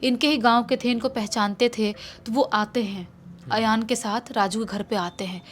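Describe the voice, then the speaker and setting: A woman's voice: on the high side, fairly even intonation, normal speed, a little hiss or hum. A woman telling a horror story in a casual, conversational way, with restarts and repetitions.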